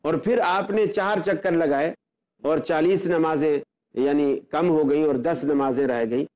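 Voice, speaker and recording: A man speaking as an Islamic scholar, explaining belief in an earnest, step-by-step way. His voice sits a little high but sounds dark and mellow, and he often poses rhetorical questions to make his case. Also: measured pace. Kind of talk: religious explanatory talk.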